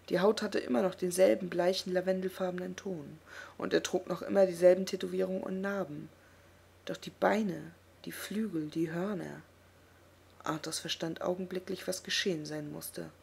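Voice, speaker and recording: A woman narrating a fantasy novel in a steady, dramatic reading. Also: on the low side, vocal fry, husky. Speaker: audiobook reader. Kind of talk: audiobook narration.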